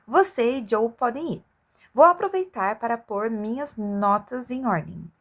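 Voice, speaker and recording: A woman voicing a brisk, commanding male doctor and explorer in a storybook read aloud. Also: fairly high pitch, lively intonation, fairly bright tone, heavily acted. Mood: calm, instructing.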